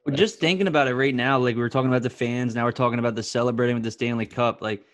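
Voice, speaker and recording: Man, co-host, rapid speech, musing, casual chat. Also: medium pitch, steady tone, fairly bright tone. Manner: musing, filler "like" often.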